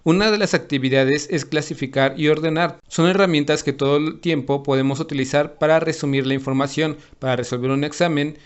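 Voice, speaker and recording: A man reading a lesson summary aloud, steady and explanatory. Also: a little high, a little fast, hardly any pauses, clean tone.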